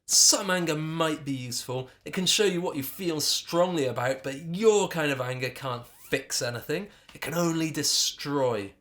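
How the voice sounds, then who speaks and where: A man's voice: on the high side, very animated, a little slow, pitched above the performer's own voice. A man voicing a brave, determined young girl in a storybook reading, with an earnest manner. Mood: defiant. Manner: earnest, pleading then firm.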